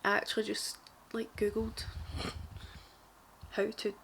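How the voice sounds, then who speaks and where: A young woman with a broad Scottish accent, strongly Glaswegian, chats informally as a beauty vlogger. Her mid-pitched voice has plenty of creak. She rambles in a self-deprecating, storytelling way, with faint noise behind her on a homemade recording. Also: completely flat delivery, slow pace, fairly bright tone. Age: young adult. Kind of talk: casual chatty makeup tutorial to camera.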